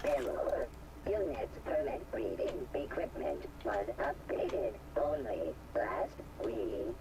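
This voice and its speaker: An actor voicing a malfunctioning robot security unit in a video game, stuck in loops and speaking in clipped, formal machine phrases. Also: male voice, mid-range voice, huge pitch swings, slow, exaggerated voice. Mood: glitching. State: malfunctioning, repeating itself in loops. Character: glitching robot security unit, stiff and officious. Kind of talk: video game character dialogue. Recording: distant game audio with noise.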